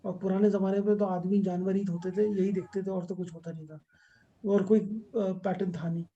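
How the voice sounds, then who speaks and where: A man's voice: high-pitched, flat delivery, a little fast, mellow, lo-fi sound. A middle-aged man teaching an astrology class over a video call, explaining step by step and mixing English terms into his talk. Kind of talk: online class lecture.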